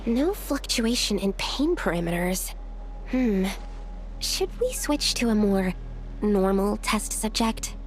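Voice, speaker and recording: A woman's voice: medium pitch, very animated, slow, a little hiss or hum. A woman voicing an earnest, attentive researcher in a video game, polite and precise. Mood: clinical.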